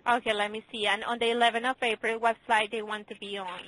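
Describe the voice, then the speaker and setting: A woman handles a customer service call as an airline agent. Her voice sits a little high, and she talks in the procedural way of a call center. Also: flat delivery, fast, fairly bright tone, rough recording. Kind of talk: customer service phone conversation.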